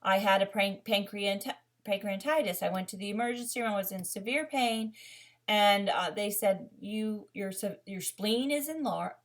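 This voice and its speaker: A woman in her thirties with a gravelly, creaky edge tells her own story straight to the camera. She rambles candidly, stopping to restart sentences and fill pauses. Her voice sits at an ordinary middle pitch. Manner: rambling and candid, with frequent fillers and self-corrections. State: emotional, near tears. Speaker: vlogger. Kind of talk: personal health story, casual vlog.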